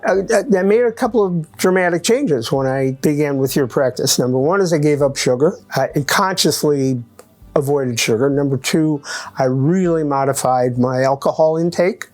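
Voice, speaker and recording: A man in his eighties giving a testimonial interview as a chiropractic patient. He talks haltingly with many restarts and lists his points by number. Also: a little high, a little mellow, faint music behind. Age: 80s.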